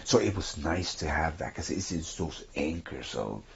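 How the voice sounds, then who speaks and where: A man's voice: very deep voice, very animated, normal speed, creaky, highs cut off, a little hiss or hum. A man giving casual, joking gameplay commentary, swearing freely. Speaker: let's play commentator.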